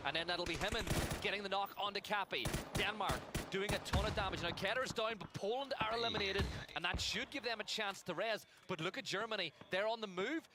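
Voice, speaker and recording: A man doing energetic play-by-play commentary on a live esports match. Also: sits high, fairly quick, over loud music. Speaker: esports caster. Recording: loud game audio behind.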